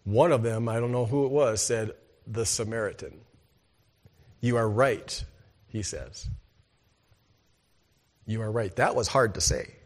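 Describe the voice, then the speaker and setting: A pastor delivers a church sermon, posing rhetorical questions and urging the congregation to say "amen." He alternates between loud, forceful lines and soft, low asides, speaking a bit slowly with long pauses.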